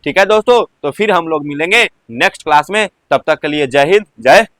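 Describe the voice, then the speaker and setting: A man's voice: on the high side, lively intonation, a little fast, a bit bright, no echo. A male teacher with a Bihari Hindi accent explains class exercises, asking his students questions and then answering them himself. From Bihar, India. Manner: keeps quizzing listeners with his own questions, then answering.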